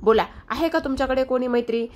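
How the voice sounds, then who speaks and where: A woman's voice: high voice, quick pace, voice pushed up, close to an everyday voice. Kavya, as a woman narrator puts her on, a cheeky young student. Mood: coaxing. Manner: teasing, protesting, lively.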